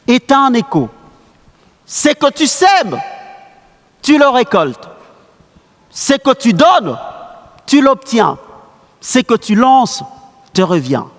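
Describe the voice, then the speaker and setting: A man voicing a calm, wise father who speaks to his daughter in a slow, solemn, measured way. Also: extremely high pitch, in a large hall, full character voice. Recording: background music.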